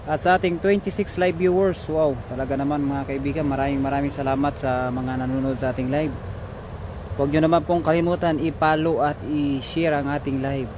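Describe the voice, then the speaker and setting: A man live-streaming a fishing trip from a riverbank on a phone, chatting and giving shoutouts to viewers. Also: on the high side, fairly even intonation, brisk, noisy background. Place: riverbank outdoors.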